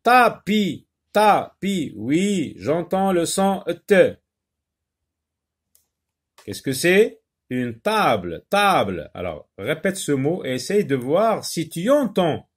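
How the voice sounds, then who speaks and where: A man teaching a phonics lesson to young children, slowly sounding out and repeating syllables, with frequent hesitations and short asides in another language. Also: a little high, big pitch swings, husky. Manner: slow, repeats words and syllables, explains in French with short Arabic asides; hesitant, many pauses and fillers.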